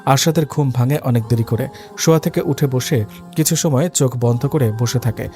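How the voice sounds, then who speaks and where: A man narrating a dramatic story in a steady, scripted reading. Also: mid-range voice, normal speed. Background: faint background music.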